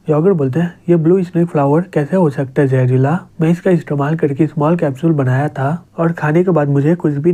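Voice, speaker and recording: A man narrating a comic story recap, reading every character's lines in a plain, even storytelling voice. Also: fairly high pitch.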